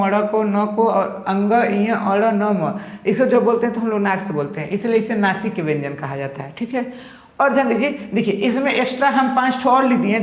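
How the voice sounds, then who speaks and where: A male teacher giving a grammar lesson, asking his own questions and answering them with repeated terms. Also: sits high. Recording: roomy echo.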